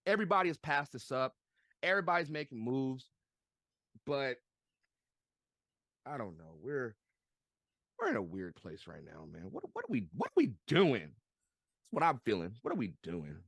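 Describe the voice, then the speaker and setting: Fired-up man, lively pitch. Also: moderate pace, vocal fry, long pauses, no echo, clean studio sound. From United States. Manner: excitable, stammers and repeats words when fired up. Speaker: podcast guest. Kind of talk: animated casual sports chat.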